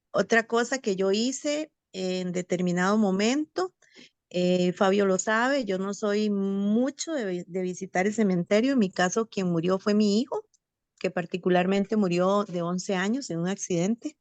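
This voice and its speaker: A bereaved mother sharing her story over a video call in a support session, reflective and halting with many fillers. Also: medium pitch, darkish tone, no room sound. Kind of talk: personal testimony. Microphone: video call, camera off.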